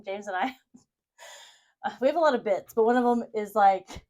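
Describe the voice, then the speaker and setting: A woman's voice: mid-range voice, moderate pace, a little mellow. A woman hosting a crafting video, chatting casually and rambling in a self-deprecating, giggly way as she works. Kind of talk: casual brainstorming chat while sewing.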